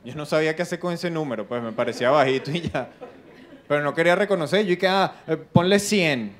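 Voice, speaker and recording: A young man with a Venezuelan accent doing a stand-up comedy routine, animated and acting out other people's voices. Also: a little high, fast talker, noisy background. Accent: Venezuelan Spanish. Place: live comedy stage with audience.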